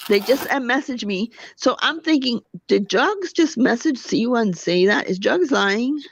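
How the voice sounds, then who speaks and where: On her livestream, a woman with an expressive, high-ish voice rapidly vents her indignation and answers comments from chat. The recording has a dry, dull, lo-fi quality.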